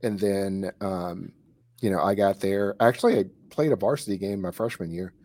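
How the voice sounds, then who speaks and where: A man's voice: sits low, moderate pace, darkish tone. A man telling a story in a casual chat, with many fillers and restarts. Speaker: co-host recalling high school kicking.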